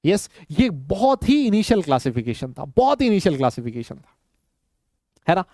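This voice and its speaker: A man's voice: a little high, sing-song, moderate pace, a little mellow, no echo, studio quality. A man teaching a live online chemistry class, teasing and bantering with his students as he explains. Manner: teasing, banters with students in Hindi-English mix.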